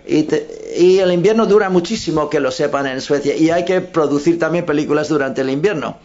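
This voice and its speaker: In a dull lo-fi recording, a man with a slightly high, darkish voice interprets briskly at a live press conference, though he hesitates and frequently stops to correct himself.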